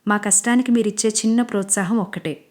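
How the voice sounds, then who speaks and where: Mellow woman narrating a story recap. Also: medium pitch, fairly even intonation, quick pace. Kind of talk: scripted narration.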